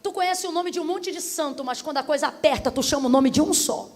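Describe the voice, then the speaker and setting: A young woman preaching a sermon in a lively, playful way, voicing imagined listeners' objections. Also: high-pitched, fast talker.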